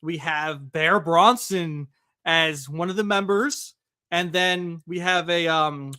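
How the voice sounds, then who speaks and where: A podcast co-host chats casually about wrestling in a bright, ringing voice pitched a little high, talking quickly, excitedly and conversationally with plenty of fillers. He is close to the mic in a dry room, and the tone is clean.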